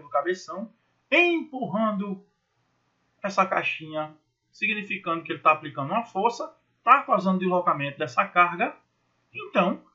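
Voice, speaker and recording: Lively, bright-voiced male physics teacher. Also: sits high, muffled recording. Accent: Brazilian Portuguese. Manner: lively, chatty, voices students' questions himself; jokey asides, repeats key points. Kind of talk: recorded online class.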